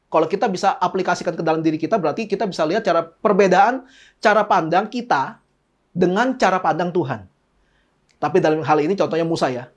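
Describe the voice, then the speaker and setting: A man preaching a casual, joking sermon, acting out little dialogues. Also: sits high. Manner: playful, jokey, acts out little dialogues. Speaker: pastor.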